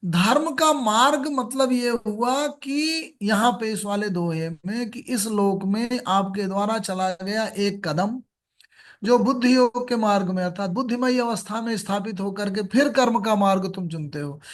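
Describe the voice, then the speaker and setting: A middle-aged man giving a measured spiritual discourse, explaining scripture and reciting Sanskrit verses. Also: high voice. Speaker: Gita speaker.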